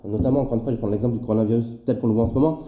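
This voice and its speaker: A man's voice: medium pitch, fairly even intonation, rapid-fire, dark tone, reverberant. A man explaining investing in a casual, chatty way, speaking directly to the viewer with many fillers. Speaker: finance YouTuber.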